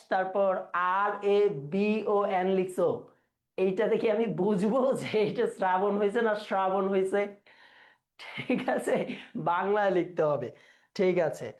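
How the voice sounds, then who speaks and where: Teacher drilling pronunciation aloud. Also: male voice, high-pitched, darkish tone. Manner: quizzes students, repeats words slowly to drill pronunciation. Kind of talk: live online exam-prep class.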